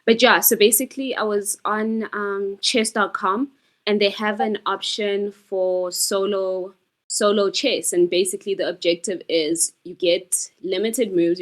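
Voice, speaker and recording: A woman game developer explaining her puzzle game in a casual chat, patiently, with many ums. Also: medium pitch.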